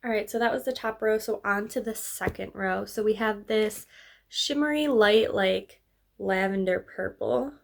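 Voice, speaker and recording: Unhurried and upbeat, a young woman with a mid-range voice chats her way through a makeup tutorial for her beauty channel, her sentences frequently dissolving into fillers. A light hoarseness and stuffiness suggest she's getting sick.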